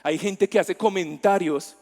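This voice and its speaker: A man's voice: high voice, a little slow, mellow. A man with a Colombian accent preaching a sermon, asking the congregation questions and telling personal stories in a conversational way. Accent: Colombian Spanish, Bogotá. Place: church hall. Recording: long church-hall reverb.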